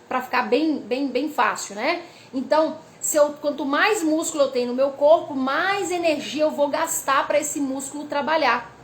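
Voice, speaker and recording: A woman with a high voice explains hormones to the camera in a casual way, with faint noise in the background. She's a weight-loss educator who sounds lively, reads from notes, and keeps dropping in "né?" and "tá?" asides.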